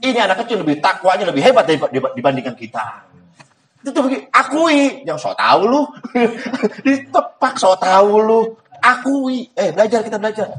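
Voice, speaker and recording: A man's voice: sits high, sing-song, brisk, a bit bright, poor audio. A man giving a humorous sermon, joking and laughing often. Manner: jokes and laughs often, mixes in Sundanese. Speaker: preacher.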